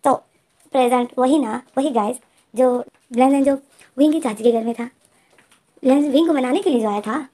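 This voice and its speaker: A woman's voice: high-pitched, normal speed, long pauses, dark tone. A woman with a Hindi accent casually retelling a fan fiction story, voicing both characters' lines herself and talking directly to her listeners.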